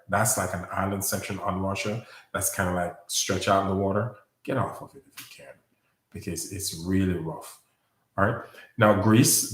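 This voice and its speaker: A man's voice: sits low, echoey room, recorded from a distance. A man vlogging earnest, rambling warnings straight to his viewers. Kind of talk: casual spoken warning update.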